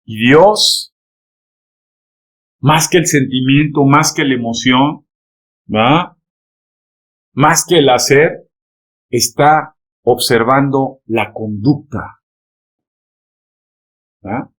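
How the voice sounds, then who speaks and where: Speaking very slowly with long pauses, a man with a medium-pitched voice preaches to his congregation. He is emphatic, constantly asking rhetorical "¿verdad?" and "¿amén?", and directly tells the people to turn to each other.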